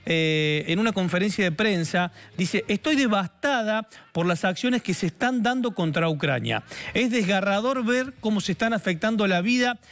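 High-pitched Argentine male news anchor. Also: animated, normal speed, a bit bright. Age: middle-aged. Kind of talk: live news presenting. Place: indoor TV news studio.

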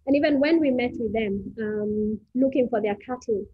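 A female architect from Kenya presenting a talk, unhurried, pausing often with "um". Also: fairly high pitch, breathy edge, no room sound. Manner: unhurried, with many "um" pauses. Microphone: video call. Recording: dull, dry video call audio.

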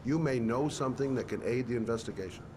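A man voicing a private detective in a video game, gently persuasive as he questions a witness. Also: medium pitch, fast, natural voice. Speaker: game character. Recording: game audio with clear background noise.

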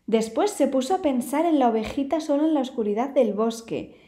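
A woman with a Spain Spanish accent reads a children's story aloud with expressive, lively delivery. Her voice sits high and has a soft, mellow tone. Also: a little fast, slight background noise.

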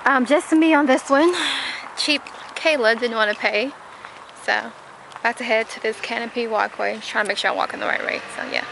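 A woman's voice: on the high side, steady tone, a little fast. A young woman talking casually to her camera as a travel vlogger, chatty and full of "like" and "um". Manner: chatty, lots of "like" and "um". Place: outdoors in gardens and in a car. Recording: camera audio with clear outdoor noise.

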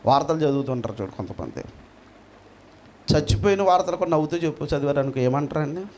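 A man with a Telugu accent delivers a sermon in a lively, fairly high voice. His pitch climbs sharply on key words and then falls low and quiet. He asks his listeners questions again and again. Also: fast talker, a little hiss or hum. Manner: dramatic, swings between loud emphasis and quiet drops, asks the crowd questions. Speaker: preacher.

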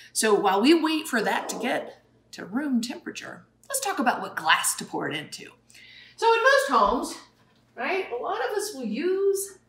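A woman's voice: a little high, a bit bright. A woman giving a casual, joking demonstration lesson from her home. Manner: playful, joking, chatty. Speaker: hospitality instructor. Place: at home near her refrigerator. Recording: echoey room.

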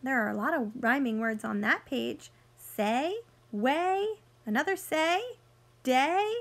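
Her voice sits high as this thirty-something woman reads a picture book aloud to little kids. Like a teacher, she keeps it sing-song and expressive and pauses for easy questions.

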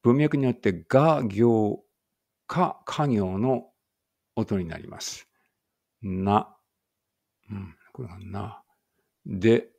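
A man reading a language lesson aloud slowly and carefully, with muttered asides to himself. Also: lowish voice, gravelly, a little mellow.

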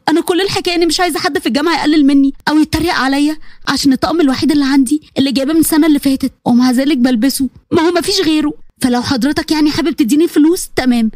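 A woman's voice: high voice, darkish tone, dry recording, studio quality. Woman as a hurt Egyptian student girl. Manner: polite, hurt, pleading. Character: poor young woman university student.

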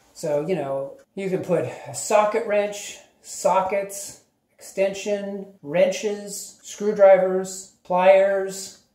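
A man's voice: a little high, mellow, roomy sound. A man casually reviewing a tool bag for his channel, chatty and rambling with lots of fillers, recorded at a table indoors. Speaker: YouTube DIY reviewer.

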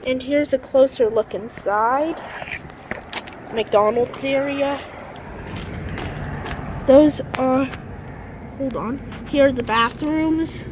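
In a deserted parking lot, a woman with a high voice narrates an informal walk-through video on a handheld camera she holds herself. She talks slowly, stops and starts, and lets sentences trail away, with plenty of background noise in the audio.

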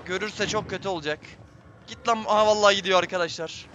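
High, bright-voiced man, jumpy game commentary. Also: fairly even intonation, quick pace, a little hiss or hum. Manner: tense, jumpy, talks to viewers. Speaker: gameplay streamer. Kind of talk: live horror game commentary.

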